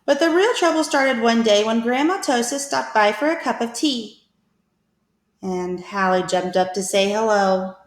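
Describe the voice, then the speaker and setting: Woman, teacher type, for children's read-aloud. Higher-pitched, expressive, deliberate storyteller; echoey room sound.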